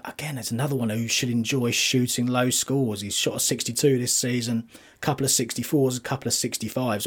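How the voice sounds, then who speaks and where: A man talking through golf form, statistics and betting picks as a commentator, in a conversational, analytical way with a slightly husky voice. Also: medium pitch.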